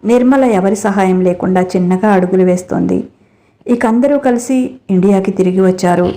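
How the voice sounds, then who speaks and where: A woman narrating a family story as a scripted audiobook, telling it in a gentle, expressive way. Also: mid-range voice, normal speed.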